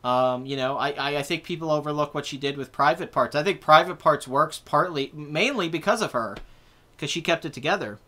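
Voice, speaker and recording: A man's voice: fairly high pitch, a little fast, sharp tone. A man in his twenties hosting a casual live chat about movies, rambling and correcting himself as he answers viewer comments. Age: 20s. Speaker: host.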